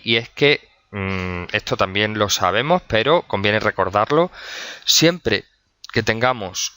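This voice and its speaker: A man with a Spanish accent explains a grammar point in a recorded lesson, pausing often and filling gaps with "eh" and "mm" as he works through examples. His voice sits low but sounds bright and sharp. The recording is dry and close, with almost no room sound. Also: smooth, no echo. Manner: explains slowly with many fillers and examples. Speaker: teacher.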